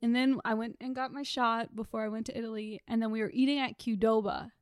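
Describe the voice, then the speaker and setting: A woman's voice: a little high, steady tone, brisk, clean tone, no echo, studio quality. A young woman in her twenties chatting casually as co-host, telling a personal story with many fillers. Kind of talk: casual chat.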